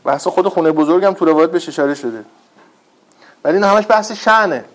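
Lively, higher-voiced male preacher. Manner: lively storyteller, rhetorical questions, wry humor. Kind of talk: religious talk with retold stories.

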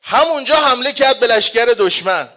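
A man preaching a mourning sermon, chanting the lament slowly and drawn-out, swinging between hushed and loud. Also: very high-pitched, expressive. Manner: slow, drawn-out delivery.

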